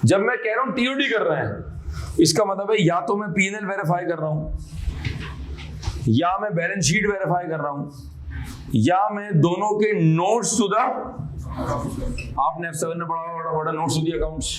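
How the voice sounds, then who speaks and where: A man teaching a classroom lecture, animated, quizzing students with repeated questions and chanted phrases. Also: sits high, a little slow, long pauses, rough recording. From Pakistan.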